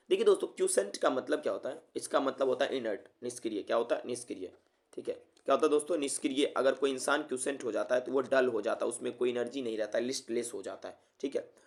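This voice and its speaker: A male teacher who runs an exam-prep vocabulary lesson at a mid pitch. He keeps asking his listeners what a word means and answers it himself, padding his lines with "theek hai, okay". He wraps each word in a small memory-trick story. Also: a little fast. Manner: repeats questions to the class and answers them, fills with "theek hai, okay"; tells memory-trick stories.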